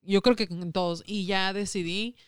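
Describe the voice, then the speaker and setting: A woman's voice: mid-range voice, steady tone, normal speed, smooth, no echo, studio quality. A woman co-hosting a podcast, chatting casually in that slides into English, slangy, swearing and laughing often. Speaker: podcast co-host. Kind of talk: casual podcast chat switching between Spanish and English.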